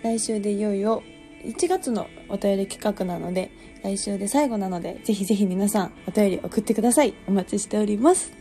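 A woman in her twenties chats through her solo radio show with a Kansai accent. Her voice is mellow and warm, and she is easygoing and quick to poke fun at herself. Faint music plays softly behind her. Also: medium pitch. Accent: Kansai Japanese. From Kansai, Japan. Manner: chatty, self-deprecating, laughs often. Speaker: podcast host. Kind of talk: casual solo radio talk.

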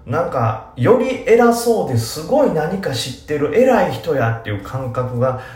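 Relaxed Kansai man on a roomy podcast. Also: a little high. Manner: relaxed, self-deprecating, many fillers. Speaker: podcast host. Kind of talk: casual podcast talk answering listener questions. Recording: roomy echo.

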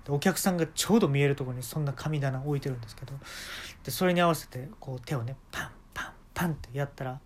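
A man with a Kansai accent telling an absurd story in a casual, deadpan, rambling way with many asides. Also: mid-range voice, rapid-fire, a little hiss or hum. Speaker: podcast talker.

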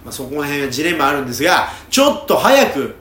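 A high-voiced man chats quickly and animatedly as the host of a casual talk show. His pitch swings widely, and he tells his stories with plenty of energy. The recording sounds roomy, with a faint noise underneath. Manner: animated, chatty storyteller. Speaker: podcast host. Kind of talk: casual chat.

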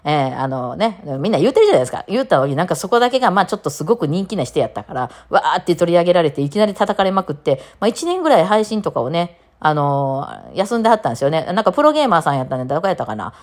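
A woman with a Kansai accent hosting a casual solo podcast chat, telling stories with chatty, lively asides. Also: on the low side, racing, few pauses. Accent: Kansai Japanese. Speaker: podcast host.

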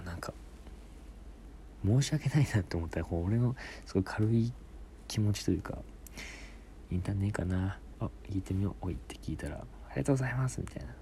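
A man's voice: sits low, creaky, warm tone, a little hiss or hum. A young man hosting a casual solo talk show, telling rambling stories and answering listener questions, often dropping into whispered asides. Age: young adult. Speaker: podcast host.

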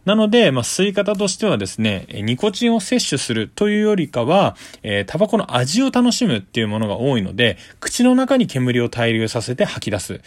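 A man's voice: medium pitch, wildly swooping pitch, a little fast, hardly any pauses, no echo. A man giving a casual, polite explanatory monologue as a solo host, going step by step in simple terms. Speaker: solo talk show host.

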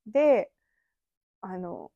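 A woman's voice: mid-range voice, sing-song, drawn-out words, vocal fry, dry recording, highs cut off. A woman in her thirties hosting a casual solo podcast at home, reminiscing in a rambling, chatty way with little laughs. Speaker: podcast host. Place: empty house. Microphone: phone app mic.

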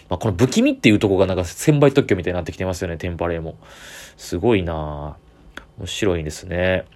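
Low-voiced Kansai man rambling solo. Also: a little mellow. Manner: rambling, chatty enthusiasm. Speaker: comedian podcaster. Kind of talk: solo casual chat.

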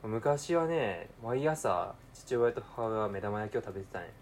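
A young man with a Kansai accent chats alone while cooking, muttering to himself and then bursting into excited shouts. His voice sits on the low side, with a faint hiss of noise behind it. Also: unhurried. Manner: talks to himself, alternating mumbling with excited outbursts. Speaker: podcaster. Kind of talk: casual solo talk while cooking.

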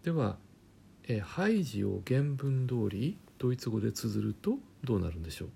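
A man teaching German pronunciation in a chatty, joking way, often dropping to a quiet aside. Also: medium pitch, very animated, normal speed, vocal fry, a little hiss or hum. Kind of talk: casual spoken lesson with jokes.

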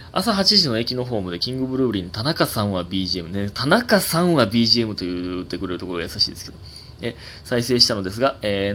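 Here a twenty-something man with a Kansai Japanese accent hosts a laid-back solo podcast, reading listener letters. His voice sits lowish against slight background noise. He talks in a chatty, meandering way full of fillers, rising in excitement now and then.

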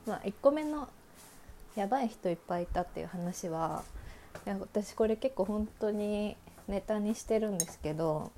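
A woman's voice: medium pitch, expressive, normal speed, dark tone, slight background noise. A woman hosting a casual solo talk show, frankly telling personal dating anecdotes with many fillers. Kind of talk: casual storytelling monologue.

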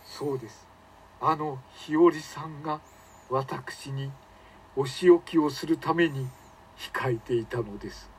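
A man's voice: fairly high pitch, slow, slightly rough, voice pushed up, exaggerated voice. A man playing a groveling man who whimpers and begs his queen in a comedy skit. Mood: whimpering. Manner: whimpering, overly eager.

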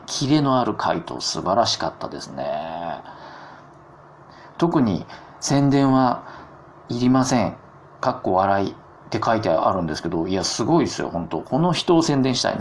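低めで抑揚豊かな男性のひとり語り. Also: male voice, on the low side, slight background noise. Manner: chatty, self-mocking, jokey asides. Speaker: podcast host. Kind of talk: casual solo talk.

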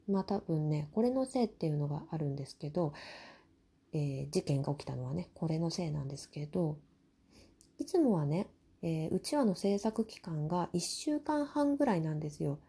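Quiet late-night woman, very mellow, breathy. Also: expressive, fairly quick. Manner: quiet, murmuring low-voiced talk at night beside sleeping children. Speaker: host of a personal audio talk show. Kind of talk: late-night casual chat, telling everyday family stories.

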